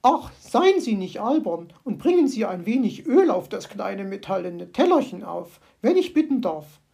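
A woman voicing a prim, touchy female magpie in a storybook audio play, scolding and indignant in a husky, gravelly voice. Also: sing-song, normal speed, dark tone, muffled recording, full character voice. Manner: indignant, scolding, shrill outbursts.

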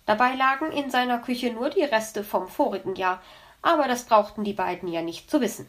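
A woman narrating a children's animal story, reading in a lively way and voicing the characters. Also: fairly high pitch, fairly quick.

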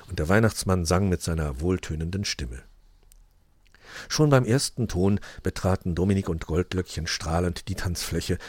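A man narrating a German-language children's audiobook in a calm storytelling manner. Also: low-pitched, slightly rough, no room sound. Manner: calm storytelling, many voices.

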